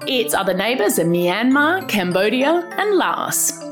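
Upbeat Australian woman, kids' podcast host, high and very lively delivery over faint music. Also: unhurried. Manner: bright, upbeat storytelling. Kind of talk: scripted educational narration for children.

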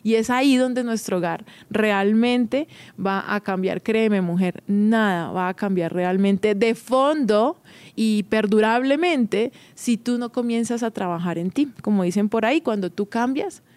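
A woman's voice: mid-range voice, a little slow, darkish tone, no room sound. A woman hosting an advice podcast, talking conversationally and directly to the listener with frequent tag questions. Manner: encouraging, addresses listener directly. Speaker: podcast host.

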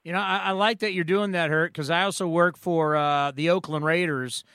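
A sports talk radio host in his forties speaks into a studio microphone in a high, bright voice at a moderate pace. His delivery is clean and smooth, and he tells stories in an energetic, rambling way, with a dry, close sound and no room noise around him.

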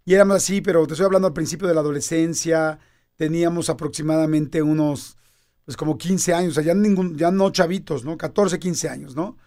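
A Mexican man in his fifties tells a personal story in casual conversation, animated and acting out quoted dialogue. His voice is fairly high and he talks a little fast.

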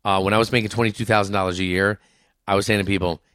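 A middle-aged man with a lowish voice tells his stories frankly and with self-mocking humor, cursing casually as he goes. The sound is close and dry, with no room around it. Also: steady tone, very fast, fairly bright tone, clear, resonant tone, no room sound. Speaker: podcast guest, author. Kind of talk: candid conversational storytelling.

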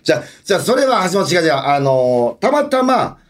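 A man's voice: very animated, a little fast. A man with a Kansai accent co-hosting a radio show, defending himself in casual comedy banter, his voice a little strained. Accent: Kansai Japanese. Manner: defensive, protesting with sudden pitch jumps.

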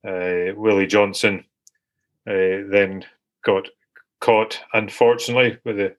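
A man's voice: fairly low pitch, flat delivery, slow pace. A man on a sports podcast, reminiscing with wry, self-deprecating humour. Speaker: podcast co-host. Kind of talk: casual sports podcast chat.

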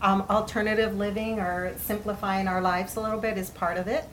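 A woman's voice: medium pitch, little pitch movement, a little fast, a little hiss or hum, poor audio. Friendly woman co-host asking questions. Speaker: podcast co-host. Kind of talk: casual interview conversation.

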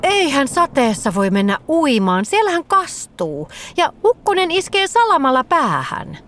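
A timid little green fox from a storybook, fretful and easily frightened, as a woman reading aloud puts it on. The voice sits high above a plain reading voice and swoops up and down with worry. It often drops to an anxious, half-whispered hush. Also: very animated. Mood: alarmed.

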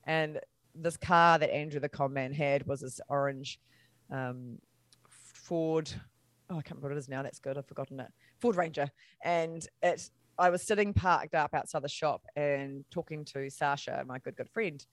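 Animated middle-aged kiwi woman telling her story, does the voices, laughs at herself, dry close sound. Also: low voice, moderate pace, dry recording. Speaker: interview guest. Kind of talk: candid conversational storytelling.

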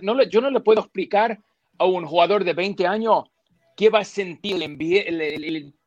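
Man, football pundit, fillers, emphatic, slightly high voice, dry studio sound. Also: no room sound, muffled recording. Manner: emphatic, repeats points, mixes English fillers like "so" and "yeah". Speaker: football pundit, former player. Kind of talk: studio sports panel discussion.

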